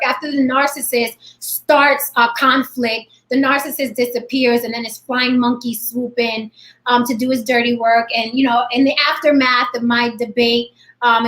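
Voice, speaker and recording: Brash, bright-voiced woman in her forties. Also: sits high, echoey room. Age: 40s. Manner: brash, blunt and animated. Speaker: host. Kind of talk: live online panel talk. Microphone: webcam.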